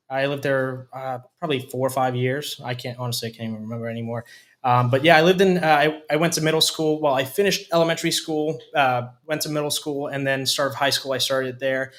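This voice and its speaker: A man in his twenties, originally from Hungary, telling his story as a guest in a studio interview with frequent pauses and restarts. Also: medium pitch, a bit bright. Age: 20s. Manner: hesitant, many fillers and restarts. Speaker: company COO, guest. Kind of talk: casual interview talk.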